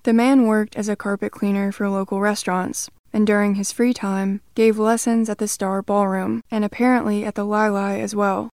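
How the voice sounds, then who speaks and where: Woman, scripted true crime narration, monotone, dry close sound. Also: mid-range voice, normal speed, few pauses, dry recording.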